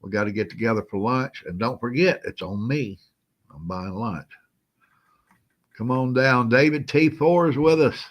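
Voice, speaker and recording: A man's voice: medium pitch, animated, normal speed. Folksy man hosting a live stream. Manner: folksy, chuckling, greets viewers by name. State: feeling unwell, moving slow. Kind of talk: casual live-stream chat.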